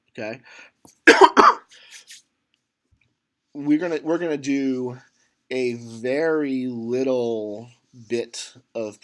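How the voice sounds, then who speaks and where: A man's voice: on the low side, fairly bright tone. A man teaching a computer science class, talking casually with many fillers and restarts as he thinks aloud. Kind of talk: lecture.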